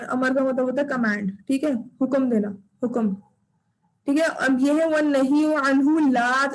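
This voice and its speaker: A woman's voice: high voice, poor audio. A woman teaching an online class, patiently drilling recitation and repeating her corrections over a video call.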